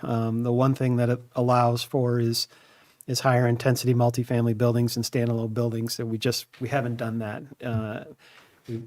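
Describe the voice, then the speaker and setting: A man on city staff calmly explaining a zoning change to a council, with many fillers. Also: mid-range voice, no echo. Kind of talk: explaining policy at a council meeting.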